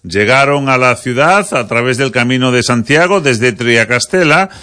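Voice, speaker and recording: A man from Spain hosting a radio show, introducing the next segment in a relaxed way with small fillers. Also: mid-range voice, normal speed. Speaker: radio host.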